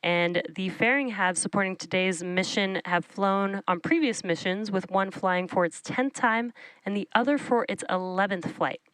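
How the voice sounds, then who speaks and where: A woman's voice: mid-range voice, moderate pace, fairly bright tone, clean tone, dry recording, rough recording. A woman hosting live launch commentary, presenting and explaining each step. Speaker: launch webcast host.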